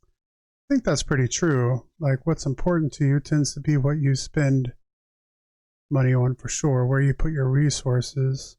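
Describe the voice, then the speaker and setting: Speaking unhurriedly in a mid-range voice with fairly even intonation and a dark tone, a male tarot reader hosts a livestream. There's no echo. He moves between reading aloud and talking straight to viewers in a conversational, reflective way.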